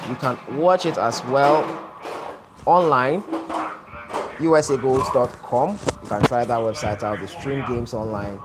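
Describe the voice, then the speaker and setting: Over loud music, a Ghanaian man with a mid-range, unhurried voice hosts a live football watch-along stream. He chats along, reading viewers' comments and greeting each one by name.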